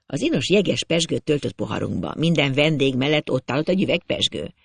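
A man narrating a classic novel as an audiobook in a steady storytelling manner. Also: on the high side, creaky, breathy edge, dry recording. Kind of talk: scripted narration.

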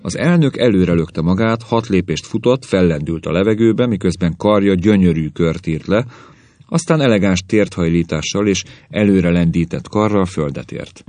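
Deep-voiced male storyteller. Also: darkish tone, no room sound. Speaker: narrator. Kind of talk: audiobook narration.

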